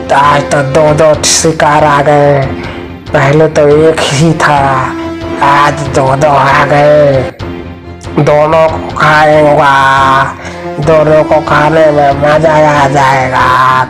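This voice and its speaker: A man's voice: fairly high pitch, monotone, extremely slow, over music, voice pushed down. A man voicing a menacing female witch who threatens to eat her victims, in a cartoon horror story. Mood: taunting. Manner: taunting, shouting threats.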